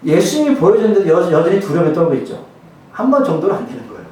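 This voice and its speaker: A male pastor preaches in a casual, joking way and keeps putting rhetorical questions to his congregation. His voice is high and very lively. It comes from some distance away and rings through a very echoey church hall. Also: racing. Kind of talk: sermon. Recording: very echoey hall, mic far off.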